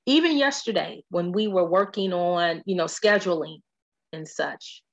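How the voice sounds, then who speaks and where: A woman hosting a podcast in casual conversation, animated and playful. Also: fairly low pitch, a little slow, gravelly, lo-fi sound. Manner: animated, playful, quotes friends in lively voices. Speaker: podcast host.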